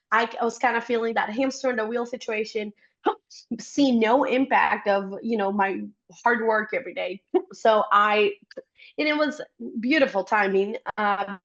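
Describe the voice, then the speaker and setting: This interview guest, a young Costa Rican woman who supports startups, is chatty and upbeat in conversation. Her mid-range voice is heard with the high frequencies cut off.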